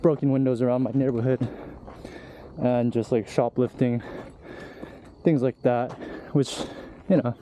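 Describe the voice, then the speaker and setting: A man's voice: medium pitch, steady tone, a little slow, dark tone. A young man talking loosely and candidly to his camera while hiking uphill, out of breath. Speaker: vlogger. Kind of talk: casual vlog talk while hiking. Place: outdoors on a hiking trail. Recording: outdoor recording with clear background noise.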